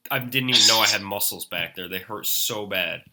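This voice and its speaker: A young man in his twenties chats casually as a podcast guest, laid-back and quick to laugh. His voice sits low in pitch. It has a very bright, forceful edge. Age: 20s. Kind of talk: casual chat.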